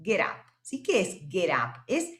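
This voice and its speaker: A woman teaching English vocabulary in a recorded lesson. She explains patiently, often checking understanding and saying English words slowly and clearly. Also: on the low side, huge pitch swings, roomy sound.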